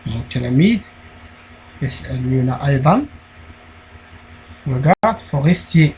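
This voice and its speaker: A man with a Moroccan accent, teaching a primary school French lesson, explaining slowly and repeating key words. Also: medium pitch, expressive, darkish tone, slight background noise, low-quality recording.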